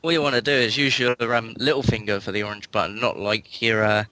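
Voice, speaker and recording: A man's voice: on the low side, steady tone, fast talker, pushed and bright, no room sound. A man with an English accent chatting casually as a panelist on a gaming podcast. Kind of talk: casual chat.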